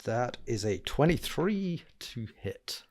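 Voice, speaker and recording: A man chatting casually as a tabletop game player, haltingly thinking aloud about his moves. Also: medium pitch, sing-song, darkish tone.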